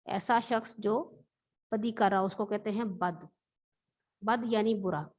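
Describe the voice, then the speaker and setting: A woman's voice: medium pitch, fairly even intonation, darkish tone. Patient woman teacher from Pakistan. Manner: patient, explanatory, repeats words slowly. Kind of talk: classroom vocabulary lesson.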